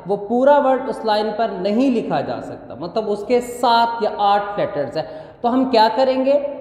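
Woman teacher, very slow, mellow tone, explains step by step, echoey room. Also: medium pitch. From Pakistan. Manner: explains step by step, asks students questions and answers them herself; slow, careful reading of English example sentences. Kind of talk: online grammar lesson. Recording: echoey room with long reverb.

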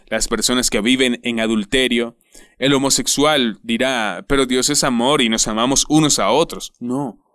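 A man preaching a sermon in a deliberate, emphatic way, dwelling on repeated words. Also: mid-range voice, a bit bright, no room sound, clean studio sound. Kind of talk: sermon voice-over.

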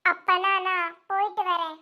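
A high-voiced performer doing a muttering schemer. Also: level tone, moderate pace, lo-fi sound. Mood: plotting. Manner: muttering asides, plotting, dramatic exclamations. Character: plotting woman who mutters her schemes to herself. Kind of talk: amateur voice drama.

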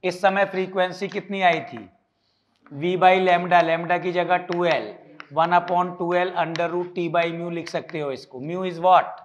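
In this classroom lecture, an Indian man teaching physics mixes English terms into his Hindi, repeatedly questioning his students and tossing in teasing remarks. He speaks slowly in a high-pitched voice with fairly even intonation, and the recording's highs are cut off.

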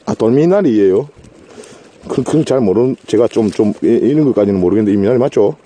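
A man's voice: fairly low pitch, animated, fast talker, dark tone, slight background noise. A man with a Gyeongsang Korean accent chatting casually to viewers outdoors, joking, stammering and rambling. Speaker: vlogger and live streamer. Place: outdoors in a rural garden.

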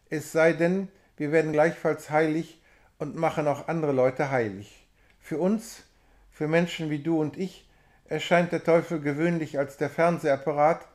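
A man reading a religious biography aloud in a measured, expressive storytelling manner. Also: fairly high pitch. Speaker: reader of a book.

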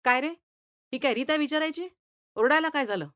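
A woman voicing a stern, irritable male schoolteacher who scolds and lectures loudly in a read-aloud story. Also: medium pitch, lively intonation, moderate pace, no room sound, clean studio sound, lightly acted. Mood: angry. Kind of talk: storytelling reading.

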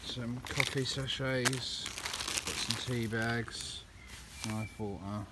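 A man's voice: medium pitch, steady tone, very slow. Man, 30s, casual outdoors vlogger, handheld phone, noisy open-air sound. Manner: rambling, many ums, chatty. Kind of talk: casual vlog narration. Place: woodland campsite and path outdoors. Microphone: phone camera held at arm's length. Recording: outdoor phone audio with clear background noise.

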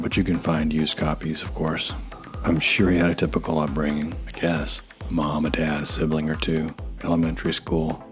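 A man in his forties reading scripted documentary narration with wry, self-deprecating asides. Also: extremely low pitch. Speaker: YouTube narrator. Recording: faint music behind voice. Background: faint music.

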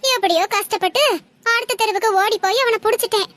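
A woman's voice: extremely high pitch, fast, background noise. A woman acting a worn-out mother who scolds and complains at length, in a comedy sketch. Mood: complaining. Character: exasperated mother, loud and scolding.

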